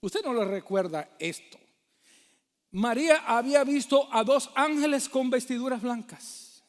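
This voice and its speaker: A man's voice: very high voice, animated, a little slow. A man preaching a sermon as pastor, asking rhetorical questions and calling listeners brother. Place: church hall. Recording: long hall reverb.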